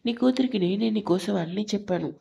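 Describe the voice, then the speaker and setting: Woman doing a male villain, taunting, smug, lowered warm voice, storybook. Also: quick pace, gravelly, slightly rough. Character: menacing scheming male rival on phone.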